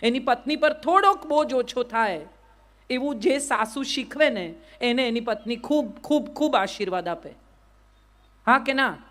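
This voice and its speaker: A middle-aged woman with a Gujarati accent giving a lively motivational speech, often putting questions straight to her audience. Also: a little high, a little slow. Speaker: public speaker.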